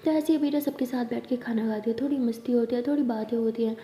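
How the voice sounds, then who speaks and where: Woman storyteller, casual conversational narration, fairly high voice, echoey room. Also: fast, warm tone. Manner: conversational, plain. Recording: roomy, dull lo-fi.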